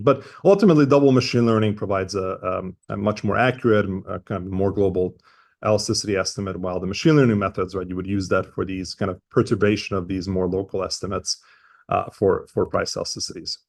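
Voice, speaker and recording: Male webinar presenter, Eastern European accent, lowish pitch, strong vocal fry, informal explanatory talk, hesitant delivery, frequent checking tags. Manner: hesitant, often checks with "right?".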